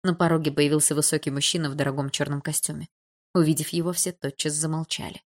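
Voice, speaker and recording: A woman narrating a dramatic audiobook in a steady, subdued storytelling manner. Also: low-pitched, quick pace.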